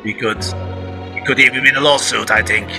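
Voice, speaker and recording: A man's voice: medium pitch, steady tone, brisk, close to an everyday voice. A man playing a callous grown son, blunt and dismissive, over background music. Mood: scheming. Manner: blunt, dismissive, repeats "yeah?". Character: callous grown son glad his father died. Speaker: improv actor.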